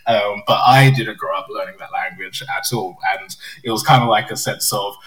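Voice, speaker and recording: A man's voice: lowish voice, fairly even intonation, normal speed, a bit bright, poor audio. Casual man, hesitant and chatty. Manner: hesitant, filler-heavy with "like" and restarts. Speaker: podcast host. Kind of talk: casual podcast chat.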